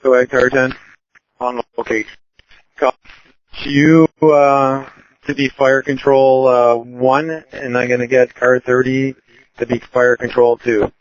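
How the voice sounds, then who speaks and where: A man acting as fire incident commander, giving calm orders over a two-way radio, halting with fillers. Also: mid-range voice. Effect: heard over a two-way radio. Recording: muffled lo-fi radio with faint hiss.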